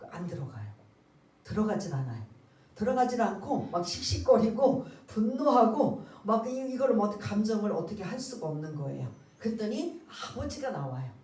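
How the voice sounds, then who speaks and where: A woman pastor preaches a sermon in a church sanctuary, asking the congregation questions and waiting for answers, and acting out characters' words in quotes. Her warm, medium-pitched voice swings widely in pitch at a moderate pace, heard from a distance with roomy church sound.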